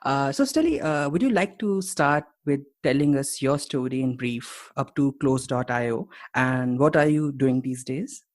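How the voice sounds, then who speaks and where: A man's voice: medium pitch, animated, unhurried, hardly any pauses. A man hosting a podcast interview over a remote call, reading an introduction and asking short questions. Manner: scripted intro, then short prompts and questions. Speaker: podcast host.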